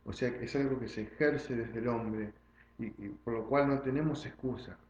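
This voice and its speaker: A man's voice: medium pitch, fairly even intonation, moderate pace, darkish tone, roomy sound, muffled recording, a little hiss or hum. A man preaching a sermon as pastor, stressing and repeating key phrases and often checking in with the congregation. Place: church sanctuary.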